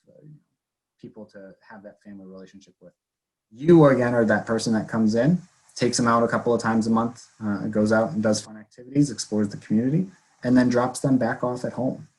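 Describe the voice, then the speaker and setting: A man with a somewhat low voice talks earnestly over a video call, easing along with casual fillers. His audio keeps cutting out, so the volume swings unevenly from loud to faint. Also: low-quality recording. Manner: earnest, conversational, fillers like "you know". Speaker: volunteer program presenter. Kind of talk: informational webinar talk.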